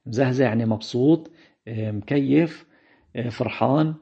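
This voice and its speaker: A man with a Lebanese accent teaching a Bible passage in a slow, unhurried way with many hesitations. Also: mid-range voice, creaky, dark tone, husky, muffled recording. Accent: Lebanese Arabic. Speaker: preacher. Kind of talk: Bible teaching in colloquial dialect.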